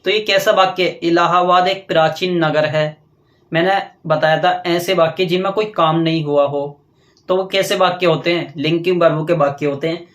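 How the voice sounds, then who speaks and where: A man teaching a grammar lesson, explaining step by step and dictating slowly while he writes on a board, often asking questions and answering them himself. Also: fairly high pitch, steady tone, a bit bright, echoey room. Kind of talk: classroom grammar lecture.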